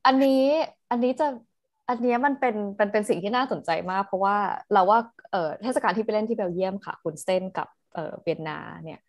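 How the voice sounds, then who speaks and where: Fast-talking woman theatre artist. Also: medium pitch. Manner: animated, slangy, fast storytelling. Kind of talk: casual panel chat.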